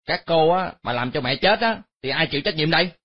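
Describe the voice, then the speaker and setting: A woman's voice: deep voice, expressive, fairly quick, pitched below the performer's own voice. A woman voicing an angry grown son who lectures his sisters harshly. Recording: dull lo-fi sound.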